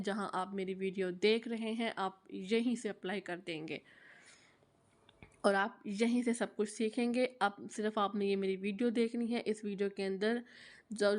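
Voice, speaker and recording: A young woman giving a casual, chatty how-to talk about teaching online, with frequent fillers and repeated phrases. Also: medium pitch.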